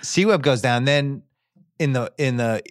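A man's voice: medium pitch, takes it slowly, clean tone, no echo. Dry-sounding man riffing on old games. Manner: conversational, animated storytelling with wry asides. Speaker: podcast host. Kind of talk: casual sports chat.

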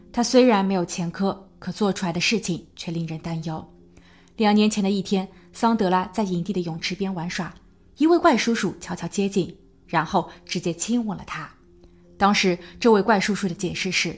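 A woman narrating a true crime podcast in a measured storytelling voice, building suspense as she goes. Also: on the low side. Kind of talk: scripted narration.

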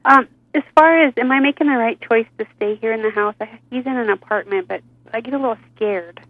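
A woman's voice: a little high, brisk, no room sound. A woman calling in to a radio show over a phone line, talking in a hesitant, earnest way. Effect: heard over a phone line. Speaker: caller. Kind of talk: call-in radio chat.

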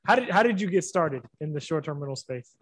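A man's voice: on the high side, animated, fairly quick. A man co-hosting a podcast, laid-back and slangy in casual chat. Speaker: podcast co-host.

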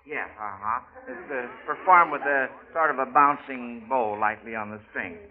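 On a narrow-band old radio broadcast, an American man hosts a children's quiz with a mid-range voice at normal speed. He comes across folksy and hesitant, chuckling and often repeating himself.

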